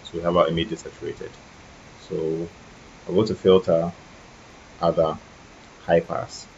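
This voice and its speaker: A man with a husky, tired voice talking through a photo-editing tutorial in a relaxed way, with many ums and restarts. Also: low-pitched, unhurried. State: tired late at night. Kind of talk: screen-recorded software tutorial. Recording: dull lo-fi mic with faint noise.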